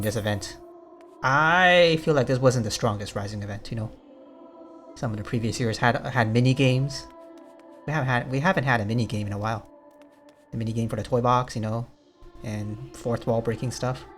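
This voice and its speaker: Speaking briskly at a medium pitch, a male gaming host offers loose, low-key let's play chatter. He seems to think aloud as he plays, and music runs underneath.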